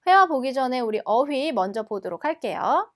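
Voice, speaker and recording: A woman teaching a language lesson, explaining patiently and repeating each word slowly and carefully. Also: sits high, very animated, fairly bright tone. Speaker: French teacher.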